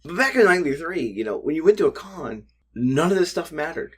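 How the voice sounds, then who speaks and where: Man, 40s, podcast co-host, husky, rambling joker. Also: on the high side, sing-song, a little fast. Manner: rambling, jokey storyteller. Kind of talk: unscripted convention chat.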